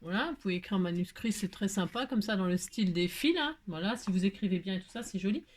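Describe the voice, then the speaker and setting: Fast, animated, and somewhat dark in tone, a woman with a medium-pitched voice hosts a crafting video on making a card. She keeps up a chatty, self-mocking patter, laughing often and using many fillers.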